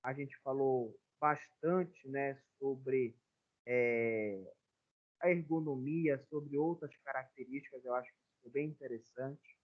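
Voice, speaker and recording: A man's voice: medium pitch, slow. A man teaching a class as professor, explaining in a conversational way and often checking in with the students. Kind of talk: live online lecture. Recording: tinny phone-like audio.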